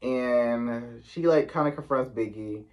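A man's voice: medium pitch, slow pace, a little mellow. A man from the US East Coast recapping a reality show in casual chat, chatty and sassy, full of "like" and slang asides.

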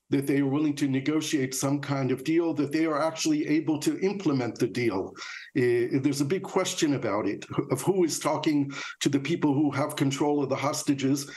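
A man's voice: fairly high pitch, a little mellow. A man in his sixties giving analysis in a news interview over a video call from his home office. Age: 60s. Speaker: interviewed Middle East negotiator.

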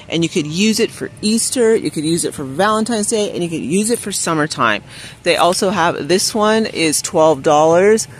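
A high-pitched man narrates a shop-with-me vlog on a handheld phone as he walks a discount store aisle indoors, gushing over products and reading out prices and deals. There's slight background noise.

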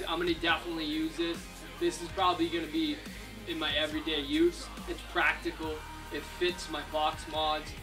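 A young man in a casual product review vlog, upbeat and often asking "right?", filmed indoors in a living room by a camera across the room. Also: on the high side. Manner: upbeat, keeps adding "right?". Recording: distant mic with music under the voice.

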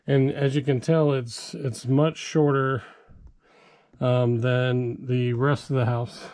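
A middle-aged man with a mellow, dark voice, talking casually through his basement framing job. He rambles and fills pauses with "um" as he points things out, picked up by a body-worn action camera in a bare basement. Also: mid-range voice, little pitch movement. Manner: rambling, filler-heavy explaining. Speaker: DIY vlogger. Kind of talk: casual on-camera DIY walkthrough. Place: unfinished basement under construction.

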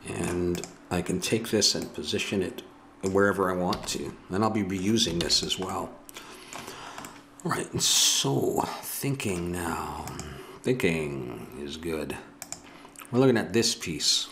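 Slight background noise surrounds a middle-aged man with an Ottawa Valley accent who talks to himself at a desk in a home room. He's animated yet slow, with a low, fairly bright voice, musing and self-correcting as he follows a 3D modeling tutorial.

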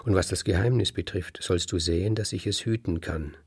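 A man's voice: sits low, a little fast, darkish tone, husky, no echo, clean studio sound. Man doing a lonely, simple-hearted young fellow. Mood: grateful.

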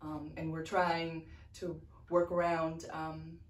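A woman in her forties, president of a parish board, makes a hesitant church announcement full of ums in a low, slow, monotone voice. A distant camera records her indoors in a church office lined with bookshelves, giving the sound a roomy quality.

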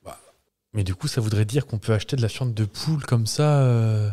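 A man co-hosting a casual podcast, guessing quiz answers with quick, jokey remarks and follow-up questions. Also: fairly low pitch, mellow. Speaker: podcast co-host.

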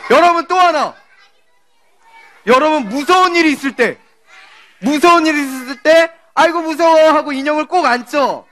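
A woman serving as a children's pastor gives an animated children's sermon. She tells a story, asks the children questions and acts out the scenes. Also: high-pitched, a little hiss or hum.

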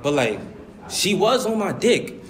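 A man's voice: high-pitched, sing-song, a little slow, a bit bright. Guy begging his ex for another chance, slang heavy, noisy clip audio. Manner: slangy, pleading. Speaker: dating show guest. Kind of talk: casual street-show talk.

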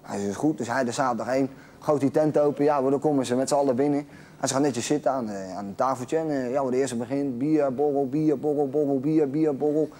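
A man's voice: medium pitch, a little mellow. A man telling a long joke about a café owner, laughing as he goes. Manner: rapid, laughing while telling. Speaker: joke teller.

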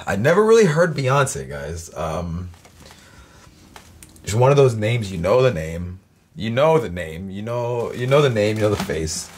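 A man's voice: sits low, a little hiss or hum. A young man casually rambling to camera before a music reaction, swearing freely and laughing easily. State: has hiccups.

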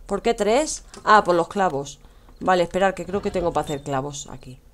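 With a Spanish accent from Spain, a young woman chats through casual gameplay commentary on stream, teasing her audience, responding to chat, and laughing frequently. Her voice is on the low side, animated, and fairly quick.

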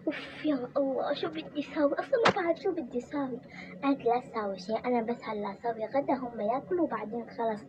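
A woman's voice: on the high side, racing, lightly acted. A woman voicing a weary young wife in a toy role-play drama, chatting and complaining about her in-laws. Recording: muffled with background noise.

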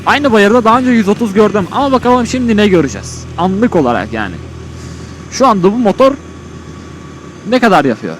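A motovlogger rides a motorcycle on an open road outdoors, talking from inside his helmet in a rambling, colloquial, think-aloud vlog style. His voice is high, very animated and fairly quick, broken by long pauses. Music and the sound of a vehicle on the road sit in the background, with slight background noise overall.

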